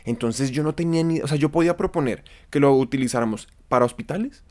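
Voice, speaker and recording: A man's voice: mid-range voice, fast talker, darkish tone. A Colombian man chats casually as an interview guest, in a mid-range voice. His talk is full of slang and curses. He often explains things by acting out what people said. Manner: slangy, profane, acts out quoted dialogue. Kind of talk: casual conversational storytelling.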